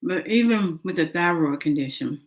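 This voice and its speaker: A woman's voice: fairly low pitch, lively intonation, normal speed. A woman vlogging casually, chatting with many fillers while she eats a snack. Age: adult, mother of a son. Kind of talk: casual eating and talking vlog.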